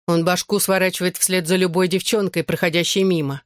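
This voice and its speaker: A reader voicing a bubbly, excitable teenage girl who fiercely takes her best friend's side. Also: lowish voice, no echo, studio quality, lightly acted. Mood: grumbling. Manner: quick to excitement and indignation.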